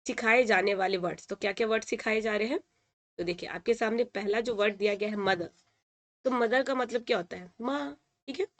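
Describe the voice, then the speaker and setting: Patient woman teacher explaining a lesson. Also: medium pitch. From India. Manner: patient, repeats words and says "ठीक है" often. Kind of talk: explaining a textbook lesson in Hindi.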